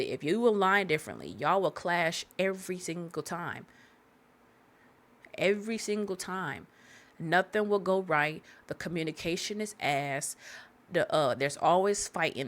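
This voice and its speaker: A woman's voice: sits low, a bit bright. A woman hosting a solo podcast, giving candid, profane life advice in a rambling, preachy way and repeating herself for emphasis. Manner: talks straight to listeners, repeating herself for emphasis. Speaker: podcast host.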